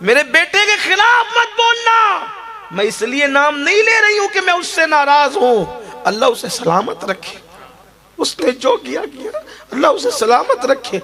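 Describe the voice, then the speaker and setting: A man's voice: very high voice, wildly swooping pitch, gravelly, pitched above the performer's own voice, exaggerated voice. A man voicing an elderly mother in a sermon story. She is devoted to her son and speaks with rising passion. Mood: indignant. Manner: impassioned, rising to shouts.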